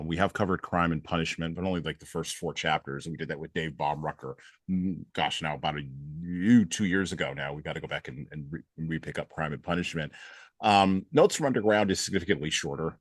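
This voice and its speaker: A man hosts a podcast interview in a very deep voice. He rambles casually, full of ums and restarts. The sound is dry and close. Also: dry recording. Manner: rambling, with many fillers and restarts. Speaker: podcast host.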